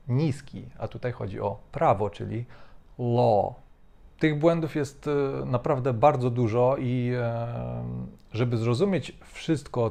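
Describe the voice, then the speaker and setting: Male host, measured language-coach commentary, gravelly dark voice. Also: mid-range voice. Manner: measured, critical, with frequent hesitations.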